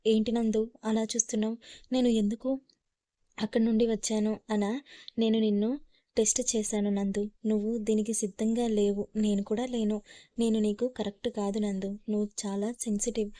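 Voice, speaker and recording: A woman's voice: medium pitch, flat delivery, brisk, mellow, no room sound, natural voice. A woman reading the part of a pushy young lover. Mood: remorseful. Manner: coaxing, pressing. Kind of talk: storybook reading.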